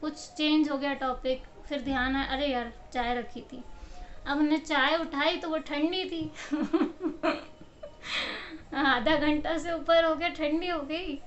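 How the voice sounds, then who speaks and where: Woman doing a motivational talk to camera, high voice, acts out the stories, slightly muffled audio. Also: slow. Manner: animated storytelling, acts out quotes, laughs often. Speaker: motivational speaker. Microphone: camera mic.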